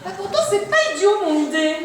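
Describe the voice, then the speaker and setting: A woman's voice: very high voice, animated, fast talker, a crowd in the background. A woman on stage playing a brazen, scheming mistress who talks in a blunt, teasing way. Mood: coaxing. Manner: teasing, brash, matter-of-fact. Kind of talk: live stage comedy acting. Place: theatre stage in a hall. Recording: very echoey live hall recording.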